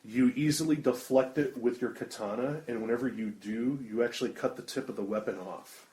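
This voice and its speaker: A man's voice: mid-range voice, brisk, warm tone. A man acting as game master, describing combat blow by blow and weighing the rules as he goes. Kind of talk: narrating a tabletop game. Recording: roomy table recording.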